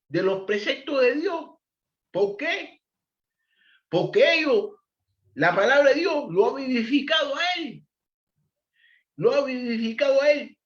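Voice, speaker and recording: Man teaching scripture, high lively pitch, asks and answers himself, roomy dull lo-fi recording. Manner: emphatic, repeats phrases, asks and answers his own questions. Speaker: Bible teacher. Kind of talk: Bible study teaching.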